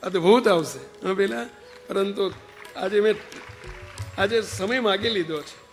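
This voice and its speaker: A man's voice: sits high, unhurried, soft background music. A man giving a storytelling sermon, narrating anecdotes and speaking directly to his listeners. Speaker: spiritual preacher. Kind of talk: storytelling sermon explaining a devotional hymn. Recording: long hall reverb.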